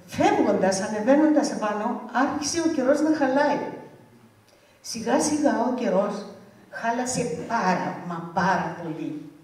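An older woman tells a family story from history at a village gathering, acting out what each person said. Her voice is fairly high and mellow. She sounds some distance from the microphone, in a strongly echoing hall. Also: animated. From Greece, Ikaria. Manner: vivid storytelling, often acting out the words of family members. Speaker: speaker at a community event. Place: village cultural association hall. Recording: echoey hall heard from far off.

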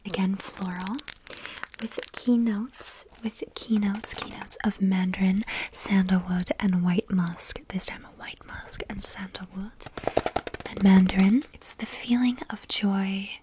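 A young woman whispering in an ASMR style, soft and intimate, close to the microphone, lingering on and repeating words. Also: medium pitch, fairly even intonation, unhurried, background noise. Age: young adult. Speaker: ASMR video host.

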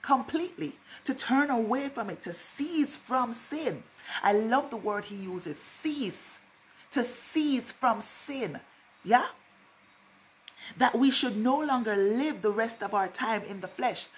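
A woman's voice: on the high side, lively intonation, unhurried, a little hiss or hum. A woman preaching a sermon in a fervent style, repeating phrases for emphasis.

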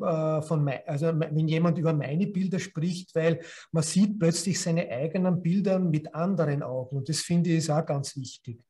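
Austrian man, photo discussion, hesitant, warm mellow voice. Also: on the high side. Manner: hesitant with restarts. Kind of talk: casual discussion. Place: studio room with concrete wall.

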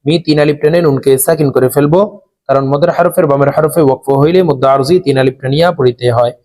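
A man with a slightly high voice leads a recitation lesson. He spells out each letter with its vowel mark in a calm, measured way, then chants whole words slowly with the long vowels drawn out. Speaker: Quran recitation teacher.

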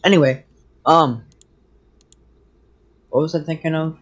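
A man's voice: fairly high pitch, a little slow. A young man joking and rambling while playing a video game with a friend. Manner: rambling, joking, trails off mid-thought. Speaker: gaming co-player. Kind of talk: casual gameplay chat.

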